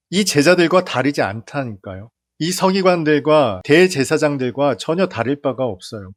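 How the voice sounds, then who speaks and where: A male pastor delivering a sermon, firing off strings of rhetorical questions and letting his sentence endings drop softly. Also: mid-range voice, no echo, clean studio sound. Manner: preaches with rhetorical questions, lists, and trailing soft line endings.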